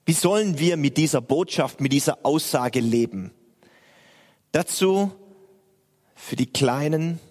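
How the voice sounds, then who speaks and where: A man's voice: medium pitch, a little mellow, long reverb tail. A man, a pastor, giving an earnest Christmas sermon and asking questions of the listeners.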